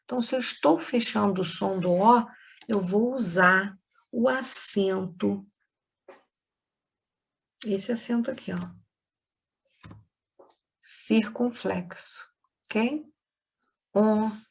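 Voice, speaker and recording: A Brazilian woman teacher giving a recorded lesson to young children, dictating words slowly and patiently, checking in with "ok?" as she goes. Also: medium pitch, creaky, husky. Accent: Brazilian Portuguese. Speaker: primary school teacher. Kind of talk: recorded online class for children.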